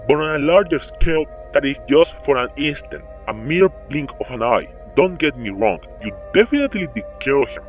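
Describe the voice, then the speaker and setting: A video narrator quoting a calm, mocking male fallen angel lord through a voice changer that pitches the voice deep, in a slow, musing delivery. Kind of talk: quoting game dialogue.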